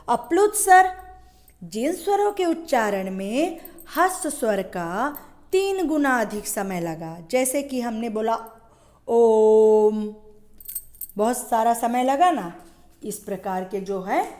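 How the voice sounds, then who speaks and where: During a Hindi grammar lesson, a female schoolteacher speaks in a fairly high, darkish voice. She lengthens example sounds and answers the questions she asks.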